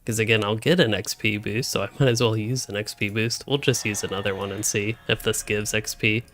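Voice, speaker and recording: A man's voice: lowish voice, steady tone, brisk, fairly bright tone. A young man rambling through casual live-stream commentary while he plays, thinking aloud from a room at home on a desk microphone. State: hiccuping. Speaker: gaming streamer.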